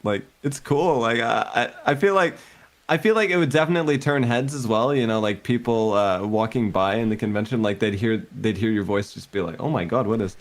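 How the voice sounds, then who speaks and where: A man chatting casually as a guest on a stream, easygoing and admiring, in halting phrases. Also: mid-range voice. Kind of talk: casual chat.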